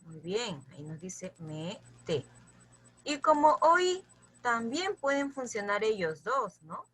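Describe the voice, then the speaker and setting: Speaking slowly in a sing-song, slightly high and a bit bright voice, a woman leads a grammar lesson. She goes over lists again and again for her students to memorize, talking to them patiently and frequently checking on them.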